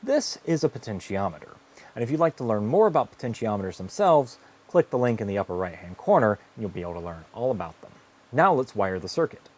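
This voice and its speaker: Very animated and fast-talking, a man with a lowish voice hosts an electronics tutorial series as its instructor. He works through a script methodically, phrasing each step carefully.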